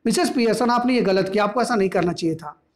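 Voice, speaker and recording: A man's voice: high voice, fast talker, natural voice. A male teacher voicing a timid, kindly neighbour woman who speaks nervously and soothingly.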